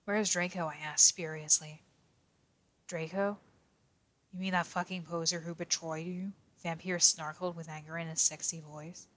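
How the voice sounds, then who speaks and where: Quiet young male detective, woman voicing: low, flat, in-character fanfic reading. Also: moderate pace, lightly acted. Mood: deadpan reading.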